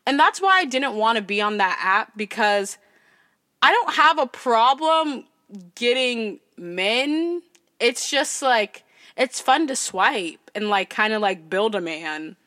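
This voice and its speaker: A woman in her twenties from California, hosting a podcast and telling a story in a loud, chatty voice full of "like". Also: on the high side, expressive, takes it slowly, dry recording, clean studio sound. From California, USA. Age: 20s. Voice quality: loud speaking voice. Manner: chatty, fills speech with "like" and "I'm just like". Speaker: podcast host. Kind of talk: casual storytelling.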